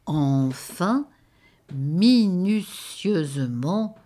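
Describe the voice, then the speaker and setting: A woman reading a children's story aloud in an expressive, dramatic way. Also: fairly low pitch, drawn-out words.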